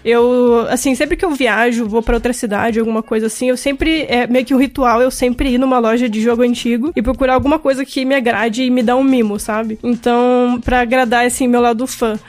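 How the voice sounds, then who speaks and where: A woman chatting casually on a podcast, relaxed and self-deprecating. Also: on the high side, brisk, few pauses. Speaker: podcast guest. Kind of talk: casual chat.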